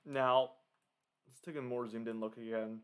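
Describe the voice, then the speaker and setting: A man's voice: medium pitch, fairly even intonation, moderate pace, smooth. A man giving casual live hurricane commentary, thinking aloud and talking informally to his viewers. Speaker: livestream weather commentator.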